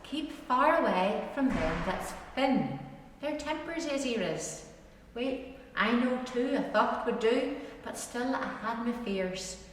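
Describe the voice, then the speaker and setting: A woman's voice: fairly high pitch, expressive, slow pace, slight background noise. A woman reciting dialect verse as a rueful, ageing bachelor farmer, with an Ulster Scots accent and a lilting, rhyming storyteller delivery. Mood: rueful, wry. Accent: Ulster Scots, Northern Irish. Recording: very echoey hall, distant microphone.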